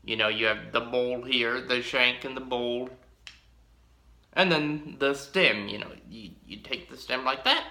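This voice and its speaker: Showing off a pipe to the camera, a young man who collects pipes chats casually, his rambling, drawn-out talk full of ums. He speaks at a medium pitch with a sharp tone, and his small home room makes the recording sound roomy.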